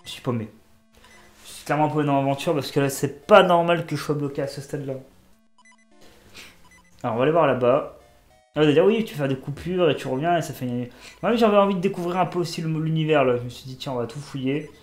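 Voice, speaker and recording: A gaming YouTuber with a cold gives casual let's-play commentary, joking and talking to himself and the game's characters. His voice sits on the high side and he talks fast. The room is echoey, with soft music in the background.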